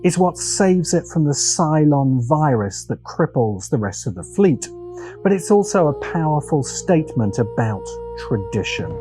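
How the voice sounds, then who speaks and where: Very animated, a man performs scripted commentary as a video essay host would, his pitch moving a great deal and his phrases set apart by deliberate, dramatic pauses. Music plays distinctly behind his voice.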